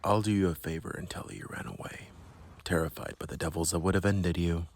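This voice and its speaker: A man playing a stern, cold young male supervisor of devil hunters in an anime fan dub, speaking in a hushed, clipped, menacing way. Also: deep voice, fairly even intonation, a little fast, a little hiss or hum. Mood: contemptuous.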